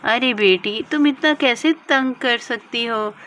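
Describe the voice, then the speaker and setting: Patient mother doll for a doll-play story, voiced by a woman; coaxing, high, slow and even. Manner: coaxing, gently scolding.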